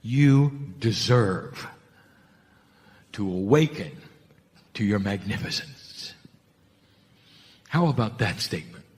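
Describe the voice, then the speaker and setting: A man's voice: on the low side, animated, slow, pauses often, long reverb tail. A man giving a channeled spiritual talk, emphatic, asking rhetorical questions and repeating key phrases.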